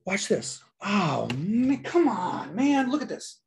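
A woman's voice: mid-range voice, very animated, takes it slowly, a little hiss or hum. A woman pastor giving a sermon, reading scripture aloud and repeating key lines for emphasis.

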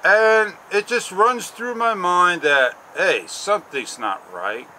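A man in his forties vlogging outdoors, rambling slowly and haltingly with frustration, on a clip-on mic. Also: high voice, expressive, pushed and bright, a little hiss or hum. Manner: slow, halting, frustrated rambling with long pauses. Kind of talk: casual walk-and-talk vlog. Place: outdoors on a sunny garden patio and paths. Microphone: small wireless clip-on mic.

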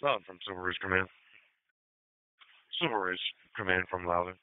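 A man's voice: low voice, moderate pace, clear, resonant tone, no room sound. A man working as a dispatcher, making formal, procedural announcements over a crackly emergency radio. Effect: crackly two-way radio. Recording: phone-like crackly radio scanner audio.

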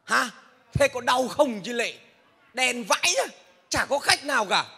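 Man, comedy sketch, motorbike taxi driver, boastful, bantering, very high voice, echoing hall. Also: lively intonation, measured pace, gravelly, pushed and bright, slightly rough. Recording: reverberant hall.

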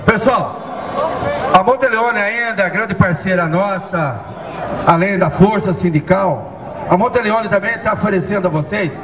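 Male union official calling out to a festival crowd over a PA system; high voice in a reverberant space. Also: a little slow. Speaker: union secretary-general. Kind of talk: announcing a prize draw at a festival. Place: outdoor festival stage. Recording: reverberant PA sound with loud background noise.

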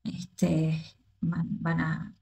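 Gravelly-voiced woman gushing over a performance. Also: deep voice, very slow. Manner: excited, repeats words, many restarts. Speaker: choreographer and dance teacher reacting to videos. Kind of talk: casual reaction commentary.

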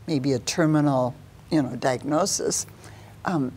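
An older woman hosts a studio interview. She has a low, mellow voice and puts her questions very slowly, pausing between phrases. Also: husky. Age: older, about 70s. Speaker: talk show host, interviewer.

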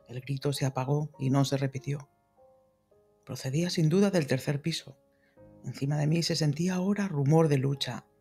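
A man reading a classic novel aloud as an audiobook narrator, in a measured, dramatic style. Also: on the high side, gravelly, a little mellow, slightly rough. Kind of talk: scripted literary narration.

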